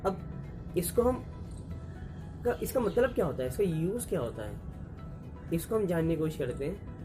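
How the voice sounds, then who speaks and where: A man's voice: a little high, sing-song, unhurried, over music. A man with an Indian accent, teaching idioms to learners and mixing Hindi with English as he explains. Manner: mixes Hindi and English, repeats and restarts to explain.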